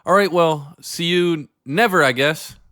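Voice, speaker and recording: A man hosting a video, reading patron shout-outs in a joking way. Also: on the high side, measured pace, dry recording, studio quality. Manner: joking, laughs between reads. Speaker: YouTube host.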